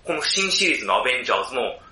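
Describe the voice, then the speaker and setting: A man's voice: medium pitch, sing-song, racing, bright, forceful tone. A man co-hosting a casual movie review podcast, talking with many fillers and laughing easily. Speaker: podcast co-host. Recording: roomy echoey room.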